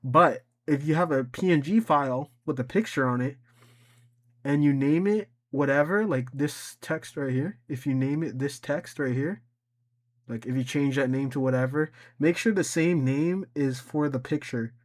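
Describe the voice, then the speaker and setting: A man of medium pitch runs an informal software walkthrough as its host, improvising throughout. He talks his thinking through out loud, faltering, restating things and correcting himself.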